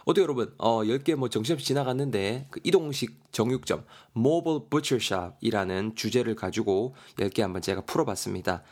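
A man's voice: medium pitch, moderate pace, hardly any pauses, a little mellow. A man, teaching English vocabulary in a playful, jokey online lesson.

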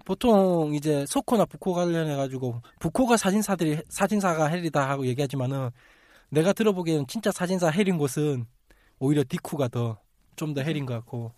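A man's voice: a little high, expressive, a little fast, darkish tone, dry recording, clean studio sound. Chatty man hosting a casual podcast. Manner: chatty, laughs often, mimics others. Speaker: podcast host. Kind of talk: casual chat.

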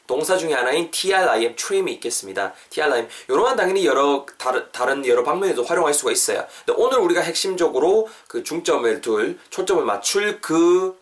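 A man hosting a podcast language lesson, chatty, explaining step by step and repeating phrases slowly for practice. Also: on the high side, animated. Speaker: host and English teacher.

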